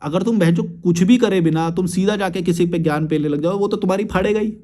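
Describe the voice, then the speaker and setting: A man's voice: high-pitched, quick pace, dark tone. A young man, a YouTube creator, replying to viewer comments in a blunt, crude and combative rant with frequent swearing.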